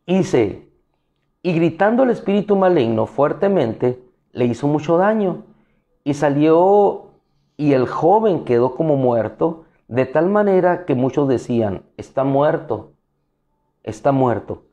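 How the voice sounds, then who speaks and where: A man preaching a devotional sermon, slow and deliberate, repeating key phrases for emphasis. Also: fairly high pitch, lively intonation, dark tone, lo-fi sound. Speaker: pastor.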